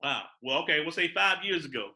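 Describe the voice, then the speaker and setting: A man co-hosting a casual chat as a basketball coach, teasing and animated, often stammering as he restarts. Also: fairly high pitch, brisk, low-quality recording.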